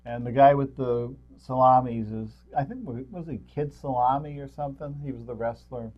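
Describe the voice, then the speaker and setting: Co-hosting a local film review show, a man with a medium-pitched voice chats about movies in a casual, unscripted way. He talks at a moderate pace with fairly even intonation, rambling and joking and chuckling at his own remarks. The recording has its highs cut off.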